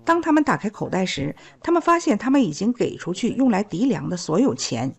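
A woman's voice: medium pitch, big pitch swings, a little fast, gravelly, breathy edge. A woman teaching a Bible story, retelling the scripture in plain storytelling.

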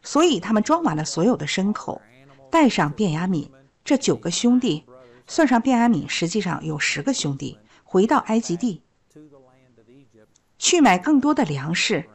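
A woman's voice: medium pitch, very animated, normal speed, breathy edge. A woman teaching a Bible story, retelling the scripture in plain storytelling.

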